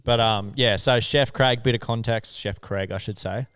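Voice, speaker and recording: A man's voice: medium pitch, normal speed, a bit bright, clean tone. A young Australian man co-hosting a podcast, telling stories in a laid-back way and swearing a lot. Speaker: podcast co-host. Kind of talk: casual storytelling chat.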